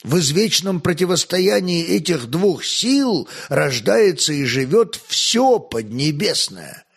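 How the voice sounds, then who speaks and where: Man voicing a stern ascetic old priest, slow, preaching, storybook narration. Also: fairly high pitch, very animated, gravelly, breathy edge, full character voice.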